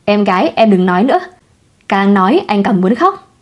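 A woman's voice: medium pitch, big pitch swings, moderate pace, muffled recording, close to an everyday voice. A woman voicing a carefree, playful young man who teases and mocks himself. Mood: teasing. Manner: breezy, teasing. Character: easygoing playboy man, joking and self-mocking.

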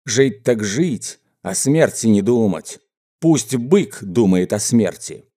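A man voicing a menacing mustached bandit gang boss, speaking in gruff, slow, threatening speeches in a storybook reading. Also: lowish voice, lively intonation, mellow. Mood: haranguing.

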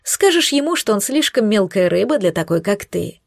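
A woman voicing a scornful, smug young female witch who mocks and threatens in slow, hissing tones, recorded dry and close. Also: mid-range voice, sing-song, creaky, no echo. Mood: sneering. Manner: mocking, hissing, drawn-out threats.

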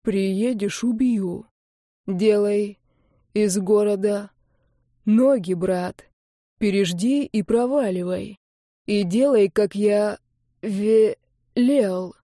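A woman reading the part of a wounded young man who speaks in an urgent, hoarse, broken half-whisper. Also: mid-range voice, measured pace, warm tone, no echo, studio quality, close to an everyday voice. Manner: urgent, commanding, gasping. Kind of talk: audiobook character reading.

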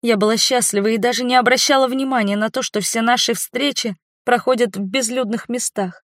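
A woman's voice: fairly high pitch, fairly even intonation, brisk, dry recording, clean studio sound, voice pushed up, lightly acted. A woman reading an audiobook, voicing a loving middle-aged mother who is emotional and guilt-ridden. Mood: tearful, confessing.

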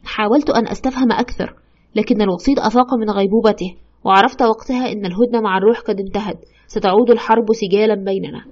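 A woman's voice: medium pitch, steady tone, racing, darkish tone, muffled recording, natural voice. A woman playing a terrified haunted widow. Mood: tense. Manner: fearful, urgent, breathless retelling. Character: frightened widow haunted by her husband's ghost. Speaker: storyteller consulting a doctor. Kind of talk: audio horror drama.

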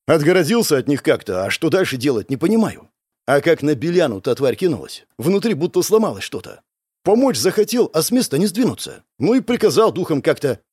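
A man's voice: a little high, very animated, fairly quick, darkish tone, slightly rough, dry recording, studio quality. A man voicing a shy, shaken young male student in an audiobook, hesitant and bashful. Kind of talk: audiobook character voice.

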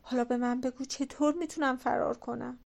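A terrified man trembling in his hiding place in a storybook tale, read by a woman, pleading shakily for a way out. The voice is fairly high. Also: fairly even intonation, creaky, darkish tone.

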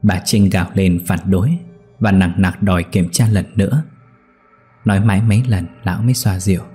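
A man narrating a horror story in a slow, somber, scripted style. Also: deep voice, steady tone, dark tone, husky, soft background music.

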